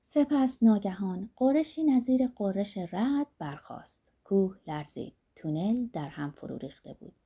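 A woman narrating a novel as an audiobook, measured and dramatic. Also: medium pitch, lively intonation, creaky, warm tone, husky. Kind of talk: literary audiobook reading.

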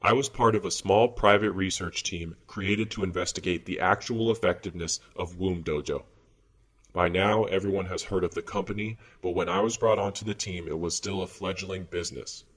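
Anonymous whistleblower played by a man, low husky voice under fuzz distortion, grave and measured, sci-fi audio drama. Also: fairly bright tone. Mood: serious, measured. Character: fearful anonymous male research whistleblower, grave and urgent. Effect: distorted voice disguise with fuzz. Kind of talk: scripted science fiction monologue.

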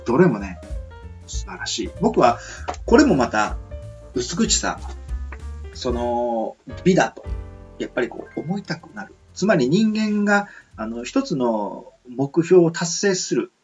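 Speaking at a measured pace in a medium pitch, a radio host delivers a rambling, reflective monologue for an amateur, homemade show. He sounds polite and earnest, searching for words as he muses with a very animated, swinging intonation; guitar music plays under the dull, somewhat muffled lo-fi recording.

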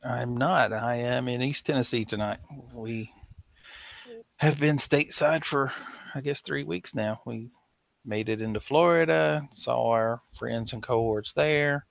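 A man's voice: medium pitch, unhurried, vocal fry, no room sound. A man with a Southern US accent, talking in a laid-back way as a podcast co-host in a casual chat.

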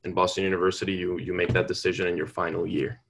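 There is slight background noise as a young Venezuelan university student answers interview questions conversationally. His low, level voice is gravelly and a bit bright, and he moves at a quick pace. He stays earnest and polite, with long careful sentences and little restarts.

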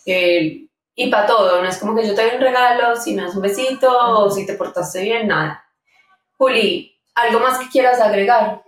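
A woman's voice: on the high side, normal speed. A woman hosting a podcast, speaking candidly and chattily about her own family life. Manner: candid and chatty, shares personal stories. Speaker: podcast host. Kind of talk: casual interview chat. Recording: roomy sound, mic at a distance.

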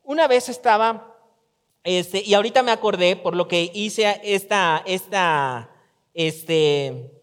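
A pastor delivers a sermon in a relaxed, talky way, slipping into little voiced quotes. His voice sits high for a man. The sound carries a long church-hall reverb. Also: slow, clear, resonant tone. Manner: conversational preaching with acted-out quotes.

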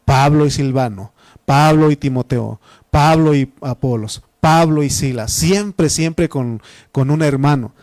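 Mexican guy preaching a bible study, kinda high voice, dry close sound, lots of ums and repeats. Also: measured pace, a little mellow, dry recording. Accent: Mexican Spanish. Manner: teaching, repeats phrases, frequent fillers.

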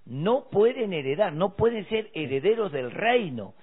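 A husky, high-voiced man, very animated and moderately paced, chats on a faith radio program where he cites scripture and firmly sets his co-host straight. The tone of the show is casual and devotional, and the audio is thin and phone-like.

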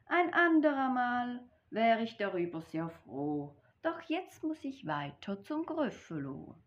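A woman's voice: on the high side, very animated, takes it slowly, pitched above the performer's own voice. Woman reading as a clever little mouse. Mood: bold. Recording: dull lo-fi recording.

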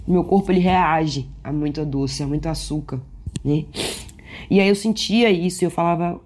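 A woman giving an earnest, reflective talk to camera about feelings. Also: low voice. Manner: earnest, reflective, unhurried with soft asides. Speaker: emotional wellness speaker.

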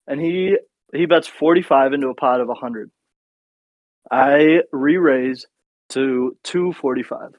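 A man's voice: medium pitch, a little slow, dry recording, lo-fi sound. Cocky man telling a casual story. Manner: rambling, profane, cocky storyteller. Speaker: podcast co-host.

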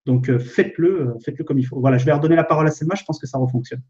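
A man's voice: fairly high pitch, racing, a little mellow, muffled recording. A man joining remotely on speakerphone, explaining marketing advice on a live stream and repeating his key points.

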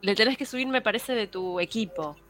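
Woman, casual co-host chat, bright tense tone, mid pitch. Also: a little fast, soft background music.

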